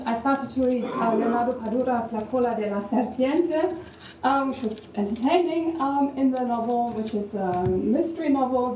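A woman with a German accent giving measured, thoughtful academic remarks as a panel discussant, with a touch of wry humor. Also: fairly high pitch, a little mellow, slight background noise. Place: university event hall. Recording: echoey room, distant mic, faint ambience.

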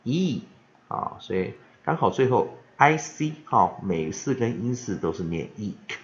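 A man leads an English pronunciation lesson in a low, gravelly voice that swings widely in pitch. He drags out the example words slowly and loudly and fills his pauses with "ah". The recording is dull and lo-fi. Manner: lively, drawn-out demonstration of words, frequent filler "ah". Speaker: English teacher.

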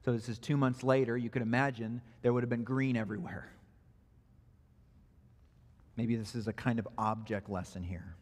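A man's voice: mid-range voice, steady tone, normal speed, pauses often, a little mellow, big-room sound. A man preaching an expository sermon who grows emphatic when he quotes scripture. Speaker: pastor. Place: church sanctuary.

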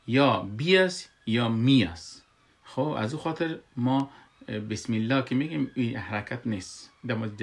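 A man with an Afghan Dari accent teaching Quran recitation, patient and repeating words and examples so students can drill them. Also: mid-range voice. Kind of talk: tajweed lesson.

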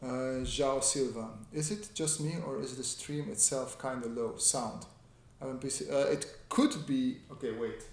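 A man with a medium-pitched, slightly mellow voice keeps a steady tone and moderate pace with few pauses. He's an illustrator hosting a relaxed drawing livestream, informally reading out viewer questions and responding. The audio comes from a desk microphone propped on a makeshift stand in a small home room, with roomy echo and light background noise.

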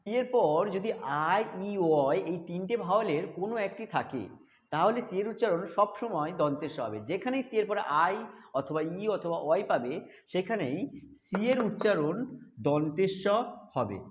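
A man's voice: high voice, animated, moderate pace. A man teaching English pronunciation rules step by step, patiently repeating each point. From Bengal. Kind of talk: explaining a phonics lesson.

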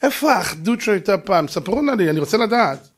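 Middle-aged rabbi, high voice, animated storyteller who acts out voices for a crowd. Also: male voice. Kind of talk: sermon.

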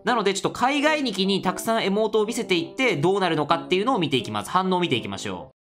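A young woman with a Kansai accent talks her viewers through a game in a chatty, animated way. Her voice swings widely in pitch as she reacts. Soft music plays faintly underneath. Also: very fast. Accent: Kansai Japanese. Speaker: gaming YouTuber. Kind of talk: let's play commentary.

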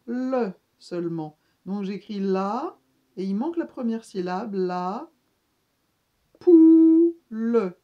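A woman giving a slow reading lesson to young children, stretching and repeating sounds for them. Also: a little high, mellow. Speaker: speech therapist teaching reading.

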